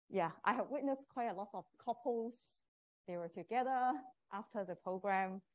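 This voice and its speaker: A woman's voice: mid-range voice, a little mellow, muffled recording. Cantonese-accented woman lecturer presenting. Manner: non-native English with small grammar slips. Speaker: professor teaching a communication course. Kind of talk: live presentation to prospective students.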